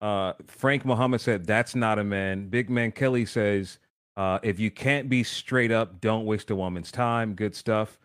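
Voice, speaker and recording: A man's voice: fairly low pitch, measured pace, fairly bright tone, clear, resonant tone, no echo, clean studio sound. Man prompting with short reactions. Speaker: podcast host reading live chat. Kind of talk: casual chat.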